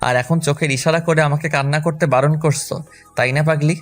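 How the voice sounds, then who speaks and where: A man's voice: fairly high pitch, steady tone, soft background music, close to an everyday voice. A man playing a young husband who pleads at his wife's hospital bedside, speaking emotionally in an audio drama. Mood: pleading. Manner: emotional, pleading, rapid speech.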